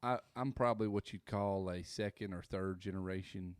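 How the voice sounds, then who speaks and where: A man's voice: deep voice, fairly even intonation, moderate pace, clean tone, no room sound, studio quality. A man, a pastor talking in an easygoing, rambling way with many fillers, in casual conversation. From South Central Kentucky. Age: 30s. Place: indoor room by a window.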